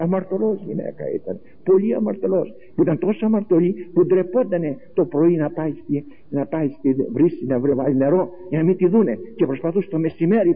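A man preaching an Orthodox-style sermon, passionate, full of rhetorical questions and acted-out quotes. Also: a little high. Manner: impassioned, rhetorical questions, acts out quoted voices. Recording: tinny lo-fi recording with faint hiss.

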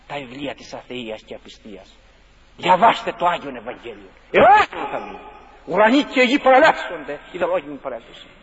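A man's voice: sits high, a bit bright. A man preaching a fervent sermon, repeating his phrases for emphasis and asking rhetorical questions. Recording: dull lo-fi recording with long hall reverb.

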